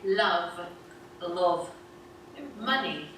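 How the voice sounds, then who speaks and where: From far off in an echoey room, over some noise, a video plays in which a woman with a standard southern British accent hosts a pronunciation lesson, explaining with cheerful laughs. Her voice is fairly low, animated, a bit bright and extremely slow.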